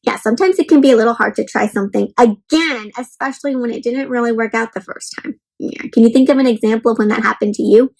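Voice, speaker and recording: A woman with a highish, gravelly voice hosts an interactive picture book read-aloud for kids, speaking fast with hardly any pauses over faint background music. She's animated and exaggerated, encouraging her young listeners, calling them friends and asking them questions often.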